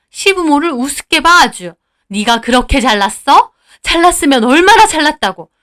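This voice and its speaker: A woman voicing an older, quick-tempered mother-in-law who scolds and sneers. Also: sits high, a bit bright.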